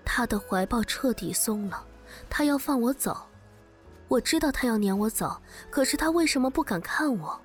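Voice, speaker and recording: A woman's voice: on the high side, expressive, moderate pace, soft background music. A woman narrating a romantic story in the first person, emotional and breaking into tearful cries in the spoken lines. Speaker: audiobook narrator.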